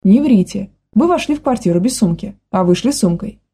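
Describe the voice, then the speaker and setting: Determined young woman, firm and persistent, husky low-bright tone, voiced by a woman reader. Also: lively intonation, fairly quick. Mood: pressing.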